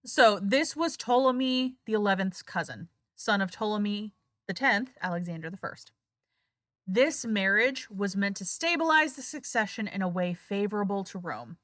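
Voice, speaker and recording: A woman's voice: medium pitch, expressive, moderate pace, a bit bright, no room sound, clean studio sound. A woman co-hosting a history podcast, narrating with sarcastic, indignant asides. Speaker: podcast co-host. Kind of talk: casual history podcast chat.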